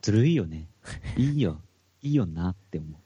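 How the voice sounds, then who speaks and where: A man with a Hakata accent chats casually on a podcast, his low voice swinging up and down in lively bursts. He jokes and laughs often. The recording is dry and dull, like cheap lo-fi gear. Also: normal speed, breathy edge, no room sound. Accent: Hakata dialect. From Fukuoka. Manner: animated and joking, laughs often. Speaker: podcast co-host. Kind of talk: casual chat among musicians.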